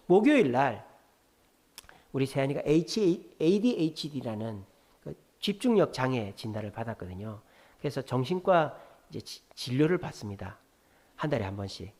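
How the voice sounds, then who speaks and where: A man preaching a sermon at a Friday prayer meeting, telling a story and questioning the congregation directly. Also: mid-range voice. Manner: storytelling, acts out quoted dialogue in a softer voice. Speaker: pastor.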